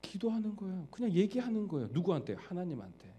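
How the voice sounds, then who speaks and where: A man preaching a sermon as pastor, animated and addressing the congregation with frequent rhetorical questions. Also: sits high, quick pace, slightly rough.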